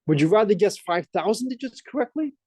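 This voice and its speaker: A man with a Boston accent delivers a college math lecture, energetically asking the class questions along the way. As a math professor he speaks fairly quickly, in a high voice with a breathy edge, in a dry, clean studio recording.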